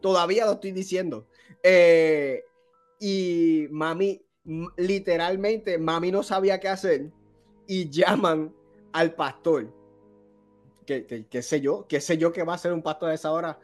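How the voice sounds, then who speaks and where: A man on a podcast, telling a spooky childhood story in a casual, animated, self-mocking way. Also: on the high side, measured pace, soft background music. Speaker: podcast co-host.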